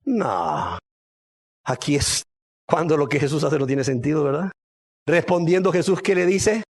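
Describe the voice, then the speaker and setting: A male pastor preaching a sermon, animated, asking the congregation rhetorical questions and swinging from loud to hushed. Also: on the high side, moderate pace.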